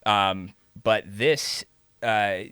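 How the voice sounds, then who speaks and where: Deep-voiced man musing on film. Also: sharp tone, clear, resonant tone, no echo, clean studio sound. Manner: slow, reflective, drawn-out phrasing. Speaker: podcast co-host. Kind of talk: casual film discussion.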